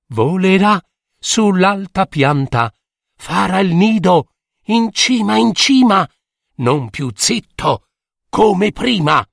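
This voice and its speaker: A man voicing a humble cobbler who sings softly and muses to himself. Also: on the high side, creaky, no echo, clean studio sound. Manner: soft, musing, half-sung. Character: poor humble cobbler, wistful dreamer.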